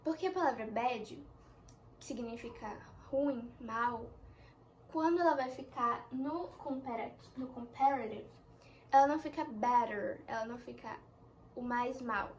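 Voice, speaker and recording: A young woman teaching an English lesson in a chatty way, explaining slowly with examples. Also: fairly high pitch, slight background noise. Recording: echoey room with faint ambience.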